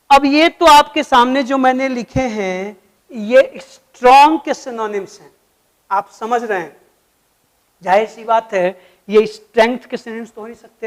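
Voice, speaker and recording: A man's voice: sits high, low-quality recording. Patient man teaching vocabulary. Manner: patient, addresses viewers as friends, spells words letter by letter. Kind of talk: explanatory video lesson.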